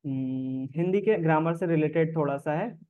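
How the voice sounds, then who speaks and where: A man teaching an online class in a slightly high voice. He explains in a relaxed, conversational way and keeps checking that his students follow. The recording sounds dull and lo-fi. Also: normal speed, smooth.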